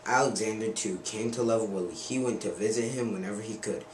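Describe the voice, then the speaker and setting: Brief: man reading a children's picture book aloud, earnest and stumbling a little; lowish voice, distant and roomy camcorder sound. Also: brisk. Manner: earnest read-aloud with slips and self-corrections. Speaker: reader. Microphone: handheld camcorder mic. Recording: roomy, distant camera mic, faint noise.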